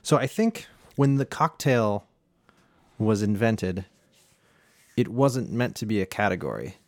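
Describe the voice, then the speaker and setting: Low-voiced man explaining a cocktail. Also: lively intonation, no room sound. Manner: explains recipes, halting with fillers. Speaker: home bartender host. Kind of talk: casual chat.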